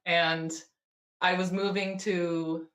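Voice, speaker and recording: A woman's voice: lowish voice, little pitch movement, takes it slowly, a bit bright, reverberant, slight background noise. A woman from California, a guest speed puzzler, chatting upbeat on a video call. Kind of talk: casual video call chat.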